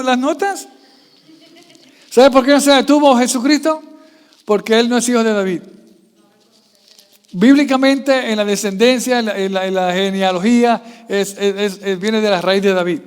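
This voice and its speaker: A man with a strikingly high voice preaches a sermon, constantly quizzing his congregation with questions. He swings between quiet, low asides and loud, raised passages. His voice trails off into a long reverb from the church hall. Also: clear, resonant tone. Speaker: pastor.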